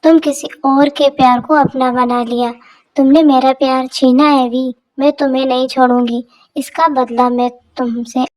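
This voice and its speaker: A woman's voice: high-pitched, fairly even intonation, normal speed, a little mellow, lightly acted. Woman doing a spiteful jealous rival girl. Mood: vengeful. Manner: sneering, threatening. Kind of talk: Hindi fan dub drama.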